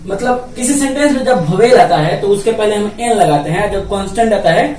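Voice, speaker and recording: A man teaching grammar at a board, explaining patiently. He repeats each point and asks his students questions out loud. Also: high voice, lively intonation, fairly quick. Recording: roomy echo from a distance, faint background noise.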